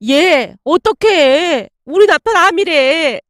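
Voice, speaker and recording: A woman voicing a tearful middle-aged female friend who speaks in a sobbing, drawn-out way. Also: sits high, sharp tone, no room sound, clean studio sound, pitched above the performer's own voice.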